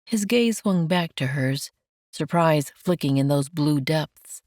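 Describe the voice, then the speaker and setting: A woman narrates a romance audiobook in a slightly low voice, reading slowly, gently and in a measured way while still sounding animated. The recording is very dry, with no echo or sense of a room.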